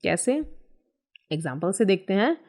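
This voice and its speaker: A woman teaching an English reading lesson in Hindi. She spells English words out letter by letter, repeats them slowly and checks in often with the class. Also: mid-range voice, big pitch swings, darkish tone. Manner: frequent "theek hai" check-ins.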